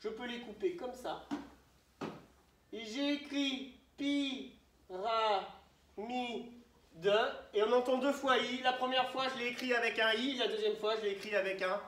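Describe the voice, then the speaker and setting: A man teaching young children, asking questions and spelling words out slowly syllable by syllable. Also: very high voice, steady tone, a bit bright, far from the mic, a little hiss or hum. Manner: questioning, prompting pupils to answer. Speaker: primary school teacher. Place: classroom. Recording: roomy echo, voice from the mic.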